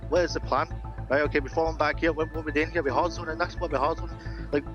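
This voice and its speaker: A man's voice: fairly high pitch, fairly even intonation, quick pace. A man with a broad Scottish accent giving his team an urgent, blunt, sweary talk as their coach, often repeating himself. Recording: muffled team voice channel, loud music.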